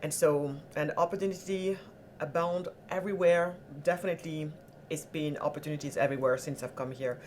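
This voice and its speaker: A woman from Senegal, a guest entrepreneur, telling her life story in an animated, earnest conversational way. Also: low-pitched, fairly quick, a little hiss or hum. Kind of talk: conversational interview.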